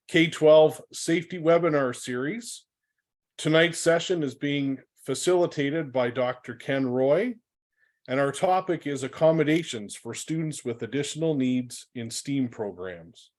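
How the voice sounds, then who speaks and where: A man's voice: mid-range voice, unhurried, a little mellow. A man hosting an online webinar, giving friendly, upbeat introductions of the speakers with a few fillers. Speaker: webinar host.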